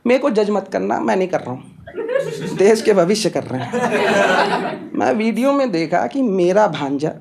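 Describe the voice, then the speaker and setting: A man's voice: sits high, sing-song, a little slow, creaky, pauses often. A young man doing stand-up comedy and telling a story to a live audience in a chatty way that speaks straight to the crowd. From India. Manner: conversational, addresses audience directly. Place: comedy club stage with audience. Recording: noisy live club recording.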